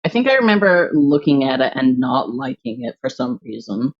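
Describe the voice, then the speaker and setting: Young adult streamer, casual chat while drawing, rambling, lots of fillers, middle pitch, slightly muffled home mic. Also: big pitch swings, moderate pace. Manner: rambling, filler-heavy, thinks aloud.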